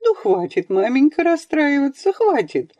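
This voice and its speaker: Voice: high-pitched, big pitch swings, a little slow, mellow, no echo, highs cut off, pitched above the performer's own voice. A reader voicing an anxious peasant mother who is upset and pleading. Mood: exasperated.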